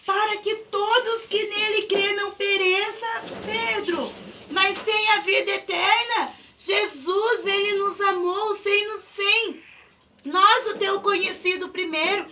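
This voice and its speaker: A woman telling a children's Bible story slowly and with drawn-out emphasis, her voice very high and bright. She sounds set back from the microphone. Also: far from the mic, slight background noise.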